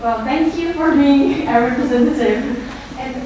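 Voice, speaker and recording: Young woman hosting a class, hesitant fillers, fairly high voice, very echoey room, distant mic. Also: moderate pace, background noise. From Thailand. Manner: friendly, hesitant with many fillers. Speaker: host of a cultural class. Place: large lecture room.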